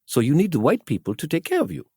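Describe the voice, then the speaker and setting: A man's voice: on the high side, huge pitch swings, fast, creaky, warm tone, breathy edge, no room sound, clean studio sound, pitched above the performer's own voice, exaggerated voice. A man putting on a patronizing apartheid-era lecturer. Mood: condescending. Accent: attempted South African.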